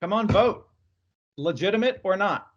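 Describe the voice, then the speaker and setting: Brief: male team lead on a video call, slightly high voice, amused, casual delivery. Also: expressive, normal speed, dull audio. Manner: amused, chuckling, reads aloud with asides. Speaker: team lead presenting to colleagues. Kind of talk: casual work meeting chat. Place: online team meeting.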